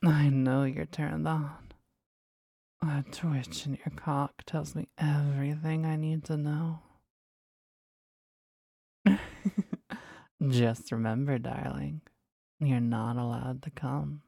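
In a whispered, intimate ASMR roleplay, a woman speaks close and breathy in a low, husky voice with gravelly fry. Her tone is steady and warm as she lingers slowly over each word, teasing and commanding. The recording is dry and intimate.

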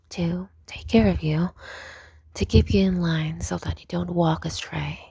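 Husky whispering woman, close-up and dry. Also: lowish voice, no room sound. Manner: soft, coaxing and dominant whisper. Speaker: audio roleplay performer. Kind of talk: whispered intimate ASMR roleplay. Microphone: close mic.

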